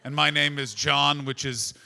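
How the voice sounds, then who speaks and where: A man's voice: fairly high pitch, level tone, a little slow, vocal fry, bright, forceful tone. A man doing stand-up comedy crowd work and storytelling, conversational and profane, teasing his audience from the stage. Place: live comedy venue with an audience.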